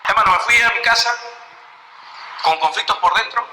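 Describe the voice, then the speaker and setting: A man's voice: high voice, normal speed, bright, forceful tone, echoey room, slight background noise, low-quality recording. A man, preaching a personal testimony with emotional storytelling and acted-out prayers. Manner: emotional storytelling, reenacting his own prayers. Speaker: lay preacher.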